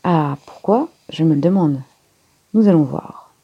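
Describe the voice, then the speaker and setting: A woman voicing Poirot, a courteous older male detective who speaks calmly and with gentle authority. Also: deep voice, measured pace, breathy edge, muffled recording, exaggerated voice.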